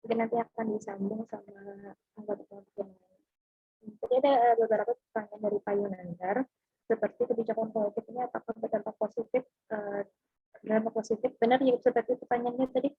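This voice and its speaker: A woman speaks haltingly, with many filler sounds, over a choppy connection that keeps breaking up. Her voice is husky and somewhat high. It comes through a thin, tinny call line with a dry, close sound. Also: lively intonation, no echo. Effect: choppy, breaking-up online call connection. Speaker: student answering in a class discussion. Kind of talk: online class discussion. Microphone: video call.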